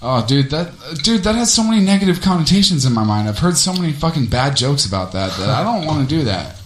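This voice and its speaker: A man hosting a radio show, full of crude jokes and loose laughter. His voice sits a little high, and the studio around him sounds echoey and roomy. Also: big pitch swings, fast, a little hiss or hum. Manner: joking, profane, laughs often.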